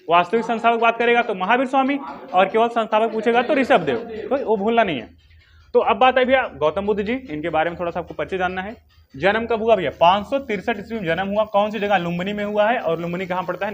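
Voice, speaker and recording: A man teaching a history coaching class, who asks questions, answers them himself and repeats the key names again and again. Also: sits high. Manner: drills key names by repetition, dictates notes.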